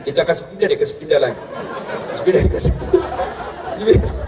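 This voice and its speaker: A man giving a humorous sermon as a preacher, telling stories in a lively way and breaking into shouts for punchlines. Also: on the high side, fast. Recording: echoey room, distant mic, crowd and noise.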